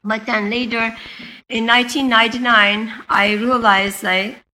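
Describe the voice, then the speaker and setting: A woman from Turkey with a Turkish accent, a native Turkish speaker, giving an earnest personal faith testimony in a chapel, halting and restarting as she speaks. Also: fairly high pitch, flat delivery, bright, forceful tone, poor audio. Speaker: guest speaker sharing testimony.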